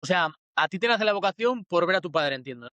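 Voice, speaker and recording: A Spanish man hosts a podcast interview, his voice pitched a little high. He asks questions with some hesitant fillers. The recording is dry and close. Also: expressive, quick pace, pushed and bright, no echo. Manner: formal scripted intro, then hesitant questions. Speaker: podcast host.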